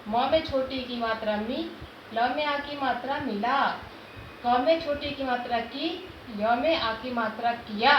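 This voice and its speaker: A woman teaching a Hindi lesson to young children. She asks questions and answers them herself, sounding out each syllable slowly. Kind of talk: classroom lesson explaining Hindi vowel signs. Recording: echoey room, dull low-fi sound, background noise.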